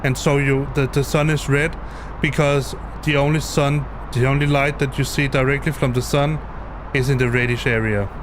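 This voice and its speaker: This is a male flight sim streamer, a native Danish speaker, explaining something live from his home basement at a moderate pace. His mid-range voice stays fairly even, though he often hesitates, restarts and repeats himself over background noise.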